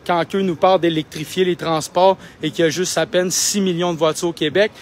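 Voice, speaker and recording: A young Québécois man with a high-pitched voice argues in an insistent, indignant tone. He speaks into a handheld phone while livestreaming outdoors. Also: a little hiss or hum. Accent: Québécois French. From Quebec. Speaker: independent livestreamer. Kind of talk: live street vlog. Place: outdoors outside a building.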